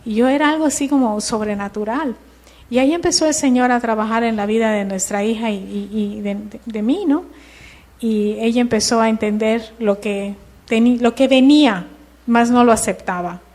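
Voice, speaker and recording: A middle-aged woman, telling her personal testimony in church in a lively storytelling way. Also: on the high side, normal speed. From Mexico. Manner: lively storytelling, acting out dialogue. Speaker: church member giving testimony.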